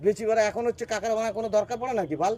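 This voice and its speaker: A man's voice: sits high, racing, a little mellow. A young man angrily scolding his friend with constant swearing in a staged prank argument. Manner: angry, heavy swearing.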